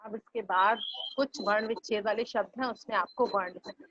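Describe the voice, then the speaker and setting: A woman teacher leading a grammar class, patiently repeating each word slowly and breaking it into sounds for her students. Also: mid-range voice, steady tone, a bit bright, no room sound, dull audio. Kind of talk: online class lesson.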